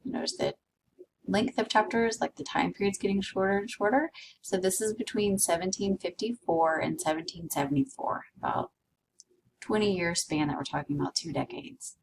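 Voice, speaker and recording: A woman's voice: lowish voice, normal speed, gravelly, far from the mic, slight background noise, low-quality recording. A woman teaching a history class in a conversational way, with asides to her students. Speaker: history instructor. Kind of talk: recorded lecture.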